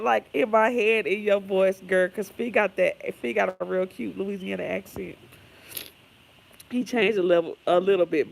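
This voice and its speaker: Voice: medium pitch, vocal fry, a bit bright. A chatty livestream host who reads viewer comments aloud, laughs often, and drifts into gossipy tangents. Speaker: livestream host reading chat. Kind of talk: casual livestream chat.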